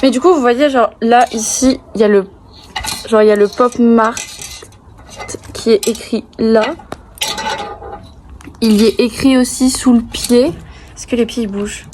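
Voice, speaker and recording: A woman's voice: fairly high pitch, steady tone, unhurried, pauses often, a little mellow. A young adult woman chatting casually to camera in a bubbly, gushing way full of slang. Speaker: vlogger. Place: outdoors near passing cars. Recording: outdoor recording with clear traffic noise.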